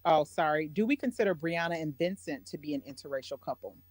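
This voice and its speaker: A woman's voice: low-pitched, expressive, quick pace, a little hiss or hum. A woman chatting casually on a video call, her audio breaking up and stuttering as the connection buffers; she restarts her sentences. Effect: choppy, buffering connection that cuts out and stutters. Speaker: co-host of a fan live stream.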